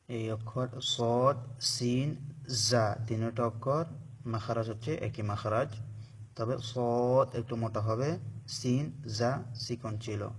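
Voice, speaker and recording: A man's voice: on the low side, a little mellow, slight background noise. A man teaching Arabic letter pronunciation for Quran reading, patiently drawing out each letter as a model for learners to repeat. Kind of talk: slow recorded lesson on letter pronunciation.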